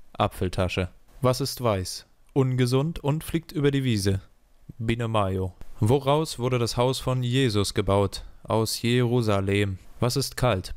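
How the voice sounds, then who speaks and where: A man reading a string of one-liner jokes in a deadpan question-and-punchline rhythm, slowing down for each punchline. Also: medium pitch, clean tone, dry recording. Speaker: joke teller.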